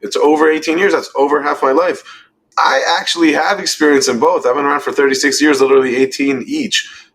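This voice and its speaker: On a laid-back podcast, this thirty-something man from Israel and New York, who works as a vegan chef, speaks with a slightly high, somewhat bright voice. He is forceful and profane, firing off items in rapid lists. The audio sounds rough.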